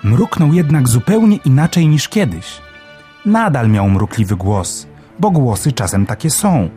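Brief: gentle male storyteller for a kids' audiobook, slow and melodic, faint music bed. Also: mid-range voice. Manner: gentle and animated. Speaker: audiobook reader. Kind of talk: expressive children's storybook narration.

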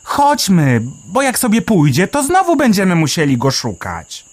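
Chirpy little boy sparrow, high and bouncy, storybook audio. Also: normal speed, heavily acted. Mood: eager. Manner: high, lively chirping delivery.

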